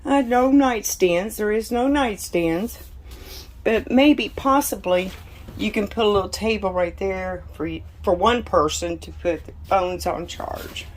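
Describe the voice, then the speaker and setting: A woman's voice: medium pitch, measured pace. A woman giving a casual walkthrough commentary as a vlogger inside a small camper trailer. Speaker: vlogger touring RVs. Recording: clear background noise, room ambience.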